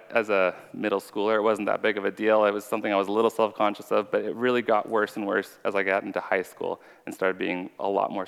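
This informal preacher, speaking with a slight stutter, offers an earnest, conversational sermon and shares personal testimony. His lowish voice is smooth and a bit bright, with some vocal fry, and the recording comes from a large, reverberant hall.

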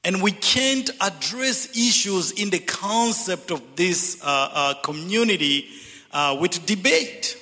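Casting: Zambian-born man, fairly high voice, slow and earnest speaker, large reverberant sanctuary. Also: expressive, sharp tone, faint music behind. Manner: earnest, deliberate, repeats words when building a point. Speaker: speaker at a church reconciliation event. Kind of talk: reflective speech to an audience. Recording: long hall reverb.

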